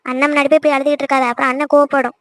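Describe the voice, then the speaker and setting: Woman voicing a bossy younger sister, firm scolding tone, high, fast, dry mic. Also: level tone, fairly bright tone, no room sound. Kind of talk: voice acting for an amateur animated serial.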